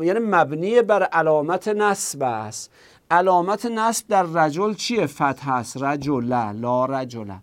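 A man with a fairly high voice teaches a grammar lesson, posing questions and then answering them himself. He works through the examples slowly and repeats them.

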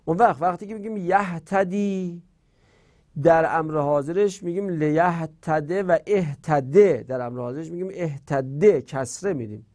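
Guy teaching grammar, kinda high-pitched, chants verb forms one by one, asks himself questions. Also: a little mellow. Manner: recites conjugations in slow rhythmic drills; explains with rhetorical questions. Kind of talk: grammar lecture.

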